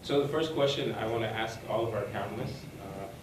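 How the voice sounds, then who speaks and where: Brisk and lowish-voiced, a panel moderator opens a university session hesitantly, dropping lots of ums and uhs. The recording, made in a university lecture room, is noisy and echoey, captured from a distant mic.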